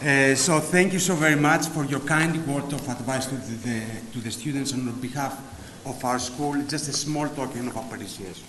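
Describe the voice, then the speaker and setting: At a graduation ceremony in a large hall, a man with a Greek accent hosts the formal event and announces prizes in a medium-pitched voice at a moderate pace. The hall is echoey, and a loud audience adds crowd noise throughout.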